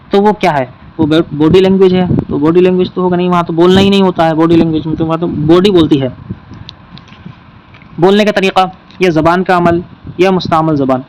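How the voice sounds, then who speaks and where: A man with a fairly high voice teaches an exam-prep lesson. He works through each question patiently and repeats the key points. Faint traffic noise sits behind him. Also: low-quality recording.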